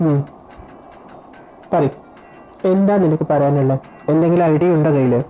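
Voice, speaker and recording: A woman's voice: sits low, moderate pace, dark tone, lo-fi sound, soft background music, natural voice. A woman voicing a fretful young man. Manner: pleading, exasperated chatter. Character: young man, anxious and bantering with friends. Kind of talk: Malayalam fan audio drama.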